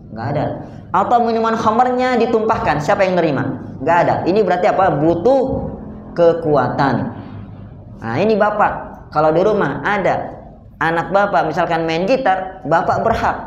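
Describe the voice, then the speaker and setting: A man's voice: sits high, slight background noise. A man teaching a religious study lecture, speaking to his listeners in a conversational way with rhetorical questions. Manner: addresses listeners directly as "sir". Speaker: Islamic teacher. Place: mosque hall. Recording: roomy, dull lo-fi recording.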